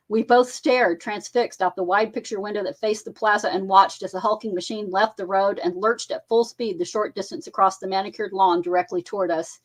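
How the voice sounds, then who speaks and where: A woman's voice: mid-range voice, low-quality recording. A woman, the author, reading a first-person scene from her novel aloud, lightly shifting her tone for the dialogue.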